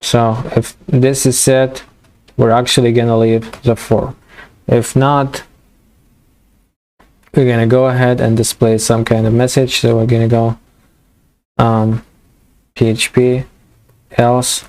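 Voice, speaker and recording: A young man walking through a coding tutorial in a halting way, full of fillers and restarts, as his voice gives out. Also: mid-range voice, flat delivery, darkish tone. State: losing his voice. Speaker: programming tutor. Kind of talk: screen-recorded coding tutorial.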